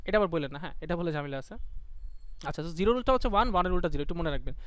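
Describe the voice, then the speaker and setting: Young man, online tutor, quick colloquial talk, high voice, dry sound. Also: a bit bright, smooth, no room sound. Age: young adult. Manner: quick, colloquial, asks students questions. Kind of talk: live online class lecture.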